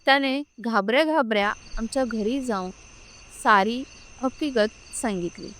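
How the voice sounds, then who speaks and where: A woman narrating a scripted story in a slow, measured, solemn reading. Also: on the high side, fairly bright tone, a little hiss or hum.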